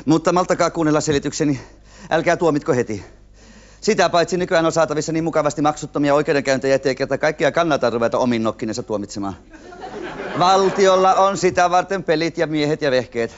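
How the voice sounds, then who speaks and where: A male TV host rambling through a punning, self-mocking comic monologue. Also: fairly high pitch. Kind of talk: comic monologue to a studio audience. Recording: dull 1970s TV audio with audience.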